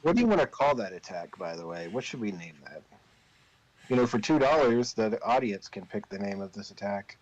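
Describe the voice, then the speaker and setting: A man narrating a tabletop game as game master, improvising the story in a deliberate, pausing way. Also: fairly low pitch, expressive, no room sound, muffled recording.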